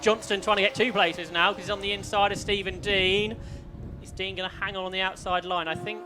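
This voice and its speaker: A man's voice: high voice, flat delivery, brisk. A man giving live play-by-play motorsport commentary, often posing questions as the action unfolds.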